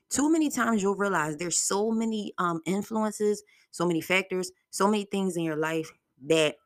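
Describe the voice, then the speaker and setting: A woman's voice: lowish voice, fairly bright tone, no room sound, clean studio sound. A woman in her thirties giving a blunt, profane motivational monologue from home. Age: 30s.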